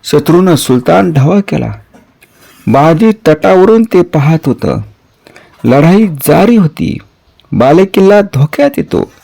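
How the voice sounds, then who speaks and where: A man voicing a soldier messenger who reports a battle to his king with a raised, rushed urgency. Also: a little high, big pitch swings, vocal fry, mellow, voice pushed up, heavily acted. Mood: urgent. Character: Korde, excited breathless soldier messenger.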